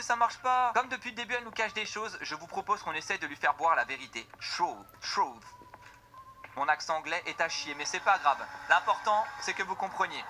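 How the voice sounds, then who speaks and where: An excitable young man commenting on a game he is playing and talking straight to his viewers. His voice sits a bit high and sounds very bright and sharp. His delivery is playful and jokey. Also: slight background noise. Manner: excitable, jokey, addresses viewers as "les gars". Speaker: gaming video creator. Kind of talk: casual gameplay commentary.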